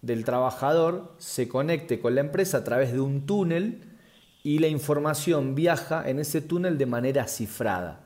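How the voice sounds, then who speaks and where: A man speaking as an expert guest, explaining things in a measured way with frequent fillers and restarts. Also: a little high, animated, darkish tone. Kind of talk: explanatory interview answers.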